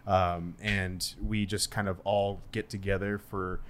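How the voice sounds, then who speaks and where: Chatty deep-voiced podcast host man. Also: little pitch movement, measured pace, a bit bright, slight background noise. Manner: friendly, chatty. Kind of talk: casual podcast interview.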